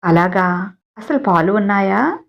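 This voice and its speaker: A woman's voice: mid-range voice, expressive, unhurried, creaky, lo-fi sound. A woman voicing a kind middle-aged mother who asks practical, concerned questions, in a storybook reading.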